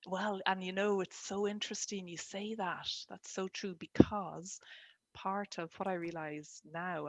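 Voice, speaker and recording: An Irish-accented woman telling her own story reflectively in an interview, with a lilting, expressive storyteller's delivery. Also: deep voice. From Ireland. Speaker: guest, poet and storyteller.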